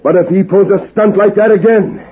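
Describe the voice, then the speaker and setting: A touchy outlaw gang leader who makes angry threats in a slightly high voice. This is 1940s radio drama acting, heard through a thin, phone-like broadcast. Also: male voice, moderate pace, a little hiss or hum. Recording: tinny old radio broadcast.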